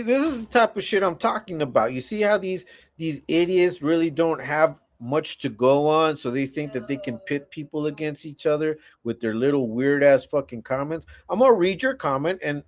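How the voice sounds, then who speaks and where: A man hosting a livestream, ranting bluntly and profanely while answering chat comments in a confrontational, mocking way. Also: fairly high pitch. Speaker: livestream host.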